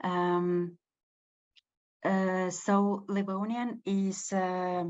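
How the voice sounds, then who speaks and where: A woman's voice: fairly low pitch, flat delivery, extremely slow, a little mellow, muffled recording. A woman with an Estonian accent, a native Estonian speaker, giving an unscripted language lecture, hesitant, with many fillers and restarts. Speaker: language teacher.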